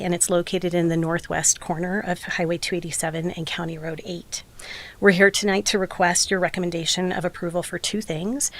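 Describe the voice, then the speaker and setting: At a public meeting, a woman applying for a development delivers a prepared, formal presentation. Her voice is lowish and slightly hoarse.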